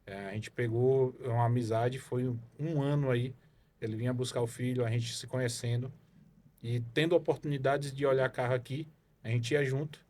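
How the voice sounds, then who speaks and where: This podcast guest, a man from Salvador in Bahia, Brazil, who works as a car evaluation consultant, rambles through his career history with lots of fillers and tag questions. He speaks at normal speed with a medium, slightly mellow pitch and a steady tone, in a casual interview setting.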